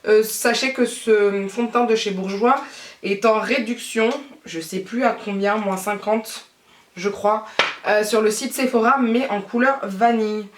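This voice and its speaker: A woman's voice: mid-range voice, steady tone, unhurried, distant mic, slight background noise. A woman from France chatting casually in a beauty vlog, rambling on as she does her makeup. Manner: rambling, talks while doing her makeup. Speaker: beauty vlogger. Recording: echoey room, voice off-mic.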